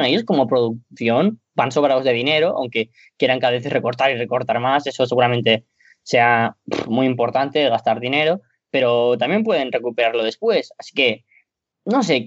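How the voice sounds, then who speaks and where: A man's voice: medium pitch, no room sound. A man with a Spain Spanish accent talks wrestling in a loose, rambling way that builds into an exasperated rant. The recording is dull and lo-fi, close and dry with no room sound. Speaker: wrestling podcast co-host. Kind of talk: casual opinion chat.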